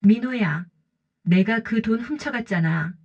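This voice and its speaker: A woman with a slightly high, unhurried voice and a breathy edge plays a cautious, lonely woman in her late fifties who speaks in short, plain sentences. She sounds angry, and the recording is dull lo-fi audio.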